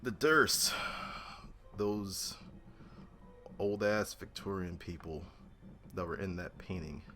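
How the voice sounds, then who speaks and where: A man recapping a tabletop game session in a weary, halting, gravelly way. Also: low-pitched, sharp tone. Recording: music under the voice. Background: music.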